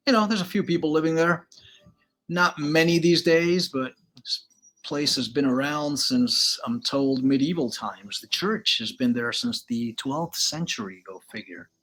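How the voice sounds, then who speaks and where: A man's voice: mid-range voice, a bit bright, slightly rough. An older man from Galicia, Spain, hosting a casual, rambling slideshow commentary, opinionated and laid-back. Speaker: channel host.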